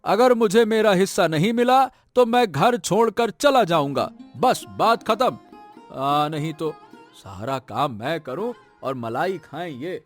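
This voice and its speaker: A man's voice: on the high side, expressive, takes it slowly, no echo, soft background music. A man playing a greedy, scornful elder son. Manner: brusque, dismissive, repeats "no, no". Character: greedy, stubborn elder son demanding his share. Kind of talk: animated story voice acting.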